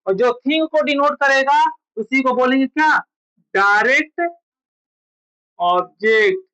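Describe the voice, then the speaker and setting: In a classroom grammar lecture, a woman keeps quizzing her students with repeated questions and then answers them herself. Her voice sits high with a fairly bright tone, and the recording is rough.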